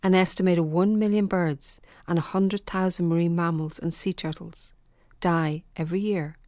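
Lady narrator, lowish voice, earnest, documentary script, no echo at all. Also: steady tone, moderate pace, a little mellow. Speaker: presenter.

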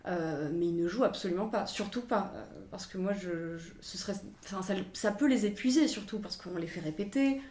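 A young woman in her twenties answers interview questions with a mid-range voice. She talks in a halting way, full of fillers and restarts. The sound is roomy and echoey. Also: mid-range voice, darkish tone. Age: 20s. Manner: hesitant, many fillers and restarts. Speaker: language coach for actors.

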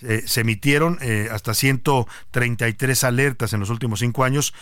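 A man with a Mexican accent hosting a radio news programme, speaking in a measured way with frequent hesitation fillers and brief acknowledgements. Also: medium pitch, a bit bright, no echo, clean studio sound.

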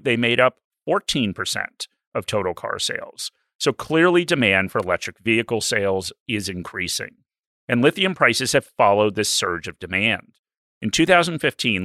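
A man's voice: medium pitch, sharp tone, no echo. A man, co-hosting an investing podcast with dry jokes and plain explanations. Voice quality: raspy. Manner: dry, joking, then explanatory with figures. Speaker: podcast co-host. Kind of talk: casual investing podcast chat.

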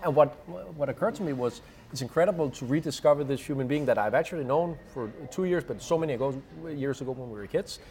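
A man's voice: mid-range voice, quick pace, darkish tone. A man hosting an interview over lunch, hesitant, with many uhs and repeated words. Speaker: podcast host.

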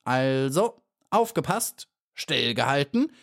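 A man voicing a sly, scheming old female spider in a storybook reading, with a croaky voice and a falsely polite, mocking manner. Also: medium pitch, very animated, takes it slowly, voice pushed up, heavily acted.

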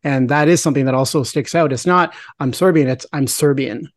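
A man hosting a podcast, asking relaxed, conversational questions. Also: medium pitch, fairly quick, no room sound, studio quality. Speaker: podcast host. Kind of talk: casual podcast interview.

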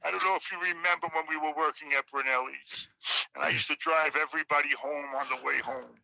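Man on speakerphone, gravelly and high. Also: fast, no room sound, low-quality recording. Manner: animated, jokey storyteller. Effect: heard over a phone on speakerphone. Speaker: caller. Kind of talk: casual storytelling on a talk show.

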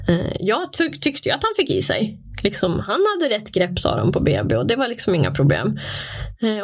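A young woman recounts a personal experience in a frank, casual way. Her pitch moves a lot, and there is a gravelly fry in her voice. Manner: candid, animated, frequent fillers. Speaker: interview guest.

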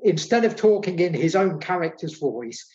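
Excitable male film-podcast host with a slightly high voice and a dull, lo-fi recording. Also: moderate pace. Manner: enthusiastic, emphatic, repeats phrases. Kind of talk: casual film discussion.

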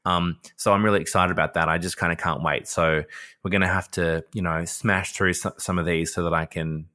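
A man's voice: sits low, steady tone, a little fast, sharp tone. A man co-hosting a podcast in casual chat, chatty and laughing often. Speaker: podcast co-host.

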